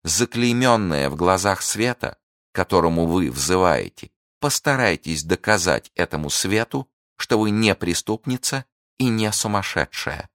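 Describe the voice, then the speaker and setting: A man's voice: expressive, measured pace, a bit bright, dry recording, clean studio sound, exaggerated voice. Merciless judge, thundering commands, voiced by a man, audiobook reading. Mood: stern. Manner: booming, commanding.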